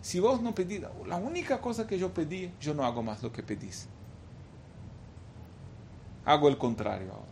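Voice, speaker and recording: A man's voice: lowish voice, normal speed, creaky, long pauses, a little hiss or hum, voice pushed down. A man doing a grieving older survivor, worn down and bitter, speaking in a heavy, sorrowful way. His pleading rises and falls with sorrow. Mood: bitter grief.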